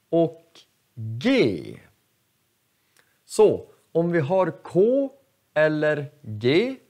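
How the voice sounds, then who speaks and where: A male teacher giving a slow, clear lesson in short halting phrases, spelling out letters one by one. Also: fairly high pitch, dark tone. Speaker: Swedish teacher.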